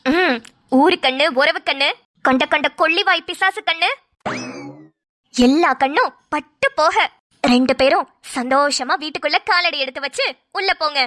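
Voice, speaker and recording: A woman's voice: sits high, pushed and bright, no echo, clean studio sound. A woman doing a bossy, caring cartoon mother. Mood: commanding. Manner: brisk, commanding, fond. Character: bossy, caring middle-aged mother-in-law. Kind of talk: cartoon voice acting.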